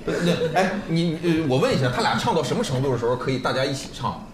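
A man's voice: medium pitch, big pitch swings, racing. A man co-hosting with casual live banter. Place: live event room with audience. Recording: echoey room with loud crowd.

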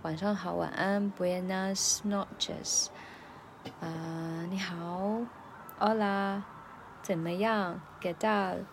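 Brief: a woman with a lowish voice, unhurried and hesitant, drilling phrases one by one. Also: steady tone, creaky, noisy background. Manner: careful, repeats words slowly, hesitant fillers. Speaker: language learner. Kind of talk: language-learning diary.

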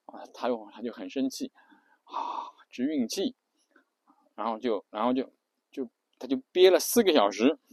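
A man's voice: mid-range voice, animated, normal speed, a little mellow, no echo. A man telling a story casually, hesitating often with filler sounds.

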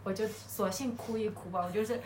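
A woman's voice: mid-range voice, fairly even intonation, a little fast, a little mellow. A woman co-hosting a podcast, telling a story in casual chat and laughing often as she goes. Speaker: podcast co-host. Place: hotel room. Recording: echoey room, faint background noise.

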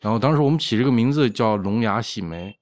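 A man's voice: lowish voice, lively intonation, fast talker. A man talking casually as a craft brewer being interviewed, explaining things in an agreeable, affirming way.

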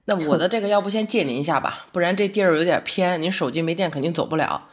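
Voiced by a female voice actor, this delivery courier from a modern audio drama has a fairly low, quick voice that sounds close to ordinary speech. She's chatty, direct, warm-hearted, earnest and slightly quirky, speaking colloquially and bluntly yet kindly. Her tone stays businesslike and helpful throughout the naturalistic dialogue.

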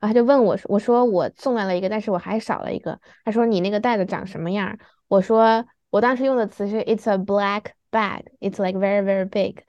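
A young woman in her twenties co-hosting a podcast, relaxed and anecdotal, laughing often. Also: medium pitch, quick pace, few pauses, dry recording, lo-fi sound. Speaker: podcast co-host. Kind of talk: casual chat.

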